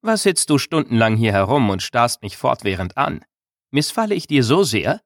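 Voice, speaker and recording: A man's voice: mid-range voice, animated, moderate pace, no echo, clean studio sound. A man reading a German audiobook, voicing a bold, teasing young village girl with a raised, stern-then-coaxing voice.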